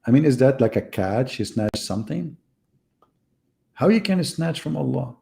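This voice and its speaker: Hosting a livestream, a middle-aged man mocks his audience with sarcastic rhetorical questions. His mid-range voice is creaky and mellow yet expressive, and he speaks at a normal speed.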